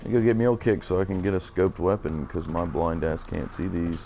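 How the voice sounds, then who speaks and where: A man's voice: sits low, steady tone, brisk, gravelly, warm tone, soft background music. A man in his thirties streaming a game live, chatting and rambling to his viewers as he plays. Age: 30s. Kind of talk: casual live gameplay commentary.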